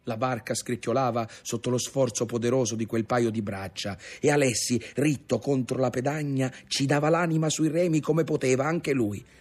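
A man narrating a novel in an expressive dramatic reading. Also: medium pitch, moderate pace, few pauses, faint music behind. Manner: expressive storytelling.

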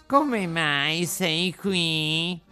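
A man reading a storybook aloud, voicing a sly, smooth-talking fox who drawls with put-on sympathy. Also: a little high, sharp tone, soft background music, pitched above the performer's own voice, full character voice. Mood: fawning. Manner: drawn-out, mock-sympathetic.

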